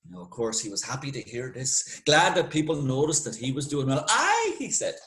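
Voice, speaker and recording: A man with an Irish accent telling a folk tale in a lively, conversational way with dramatic pauses. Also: medium pitch, poor audio. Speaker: storyteller. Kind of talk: spoken folk tale narration.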